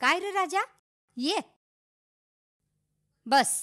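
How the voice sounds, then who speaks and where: A woman's voice: very high-pitched, expressive, very slow, bright, forceful tone, exaggerated voice. An actress playing an anxious old village woman who begs for news of her son and scolds when she is upset. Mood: anxious pleading. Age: older. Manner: pleading, then tearful and scolding. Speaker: villager waiting for her son's letter.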